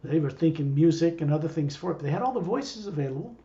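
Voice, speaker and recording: A man's voice: a little high, expressive, fast, mellow, lo-fi sound. A man who acts as a spiritual teacher, talking casually and digressively to a small group. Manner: rambling, digressive.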